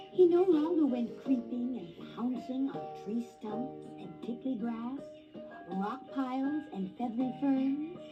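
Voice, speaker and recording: A woman slowly and gently narrating a children's story record, reading with deliberate care, on a dull lo-fi vinyl recording. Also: fairly high pitch. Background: guitar music.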